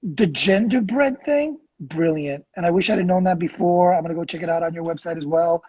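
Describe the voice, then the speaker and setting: A middle-aged man co-hosting a casual conversation, chatty, expressive and self-deprecating. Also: fairly high pitch, a little fast, husky, highs cut off. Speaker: co-host.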